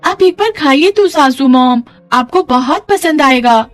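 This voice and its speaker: Naive young bride, voiced by a woman, high cheerful voice, cartoon. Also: lively intonation, unhurried, no room sound, soft background music. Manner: cheerful, naive, broken grammar. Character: foreign young bride speaking broken Hindi.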